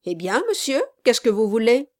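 A woman's voice: fairly high pitch, lively intonation, normal speed, natural voice. A woman reading an audiobook, voicing a stiff, haughty bridegroom who answers curtly. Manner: curt, impassive.

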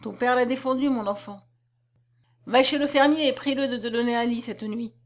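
Woman reading as frightened mother, hushed and urgent, storybook reading. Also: fairly high pitch, normal speed, natural voice. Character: timid mother whispering through a door.

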